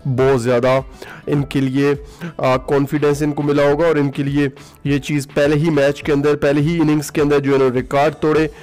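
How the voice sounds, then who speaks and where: A cricket commentary vlogger talks through a match in a casual solo voice-over, recorded away from the ground, with faint music behind him. His fairly high-pitched voice has a darkish tone and flat delivery, moving a little fast, and he uses many filler sounds and drops in English phrases.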